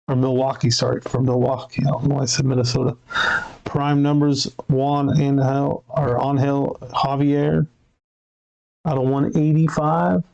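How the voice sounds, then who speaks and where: A man's voice: mid-range voice, gravelly, darkish tone, poor audio. A man hosting a sports card break, reading out player names and serial numbers and correcting himself as he goes. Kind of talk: live card break commentary.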